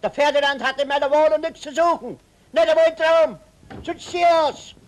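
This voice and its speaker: A jealous, quick-tempered husband grumbles and snaps in an old comic scene. His voice is pitched strikingly high. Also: noisy background. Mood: grumpy. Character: grumpy jealous husband woken at night. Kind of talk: 1950s comedy sketch acting.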